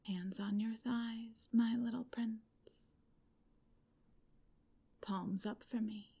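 A woman's voice: fairly high pitch, steady tone, drawn-out words, vocal fry, dark tone, husky. A woman in a whispered ASMR roleplay, speaking in an intimate, commanding whisper.

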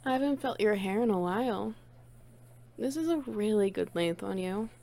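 A woman's voice: medium pitch, animated, moderate pace, creaky, mellow. A woman playing a playful, teasing, bossy friend in an intimate one-sided audio role-play, coaxing and doting on the listener. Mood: affectionate, cooing. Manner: teasing, coaxing, cooing praise.

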